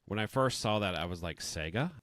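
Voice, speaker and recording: A man's voice: lowish voice, quick pace, a bit bright, no room sound, clean studio sound. A man co-hosting a podcast with casual, bantering talk. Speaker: podcast co-host.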